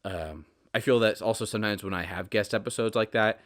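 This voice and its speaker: A man in his twenties with a fairly low voice hosts a solo podcast in a casual, brisk way. He rambles, cuts himself off and repeats words. His animated delivery swings between emphatic bursts and quieter asides.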